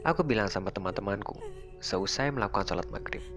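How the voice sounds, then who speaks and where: A man narrating a first-person horror story in a relaxed, conversational way. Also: lowish voice, fast talker. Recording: faint music underneath. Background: faint background music.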